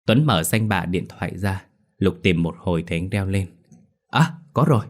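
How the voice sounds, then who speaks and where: A man narrating a ghost story in a very low, deep voice. He tells it in a steady, even manner, like a spoken audiobook. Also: moderate pace.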